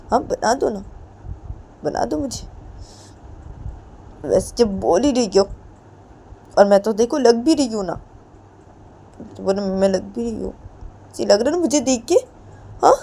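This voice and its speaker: A woman voicing a hurt, bitter young woman who pleads and taunts with shrill, insistent questions. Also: fairly quick, pauses often, a little mellow, lightly acted. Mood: bitter taunting.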